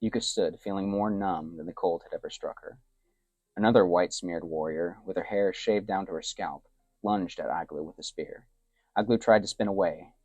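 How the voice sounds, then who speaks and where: Deep-voiced man narrating in a hush. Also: slightly rough, no echo. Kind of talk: soft-spoken story narration.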